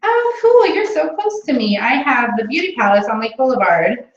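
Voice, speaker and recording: A bubbly, high-pitched saleswoman rings up a prize winner, all sparkle and eagerness, as a woman demonstrates it. Her bright pitch bounces around an echoey room, and the sound is slightly dull. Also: big pitch swings, normal speed, recorded from a distance. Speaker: sales consultant on a demo phone call.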